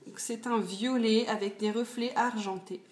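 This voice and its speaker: A woman's voice: fairly high pitch, steady tone, moderate pace. A woman in her twenties chatting casually about her purchases in a beauty haul video, with lots of fillers. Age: 20s. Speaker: beauty vlogger. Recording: echoey room, faint noise.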